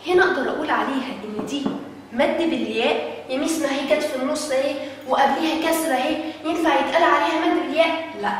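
A woman with an Egyptian Arabic accent teaching young children phonics, sounding out syllables slowly and asking questions she answers herself. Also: sits high, heavy reverb, big-room sound, distant mic, a little hiss or hum, rough recording. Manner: asks the class questions and answers them herself. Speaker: early-years teacher.

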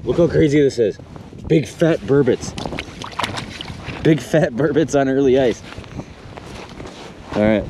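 Young guy fishing on the ice, all hyped up, yelling and laughing, wind noise all over the camera mic. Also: mid-range voice, unhurried, long pauses. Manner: excitable, exclaiming and laughing often. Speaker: fishing vlogger. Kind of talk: excited outdoor vlog chat. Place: outdoors on a frozen lake. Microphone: action camera.

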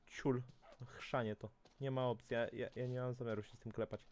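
A man's voice: medium pitch, little pitch movement, a little fast, a little mellow. A man hosting a gaming channel, giving casual let's-play commentary, chatty and talking straight to his viewers with frequent self-corrections.

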